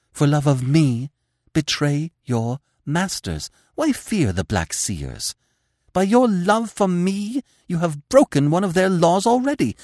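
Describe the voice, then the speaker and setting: Guy doing a fiery scheming young woman in an audiobook, high and urgent, dry close sound. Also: a little mellow, no echo. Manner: breathless, urgent pleading. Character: fierce, scheming young woman, passionate and ambitious.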